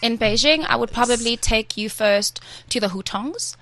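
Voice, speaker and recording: A woman's voice: fairly high pitch, moderate pace, sharp tone, no echo. A woman explaining things casually as an interview guest. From South Africa.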